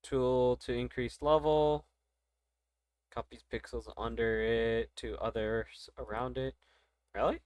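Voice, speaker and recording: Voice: medium pitch, steady tone, slow, darkish tone, dry recording, studio quality. A young adult gaming streamer chatting casually and muttering reactions over gameplay.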